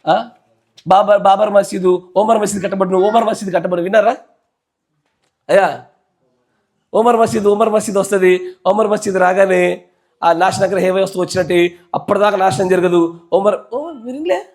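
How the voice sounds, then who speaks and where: A man's voice: sits high, little pitch movement, moderate pace, long pauses, a little mellow. A male pastor with a Telangana Telugu accent preaching a sermon in church, keeping the congregation engaged by repeatedly asking them questions and pressing them to answer yes or no.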